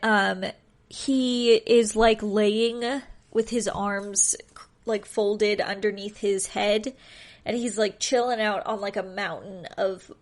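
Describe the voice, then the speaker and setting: A woman hosting a casual solo podcast, chatty and joking, sounding congested and nasal as if pinching her nose. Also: medium pitch. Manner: chatty, joking, self-deprecating. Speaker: podcast host.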